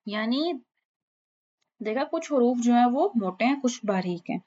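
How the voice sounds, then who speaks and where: A woman's voice: on the high side, expressive, warm tone, lo-fi sound. A woman teaching pronunciation of Arabic letters, patiently drawing out and repeating each sound and often checking that students follow. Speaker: Quran recitation teacher. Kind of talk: online lesson on letter pronunciation.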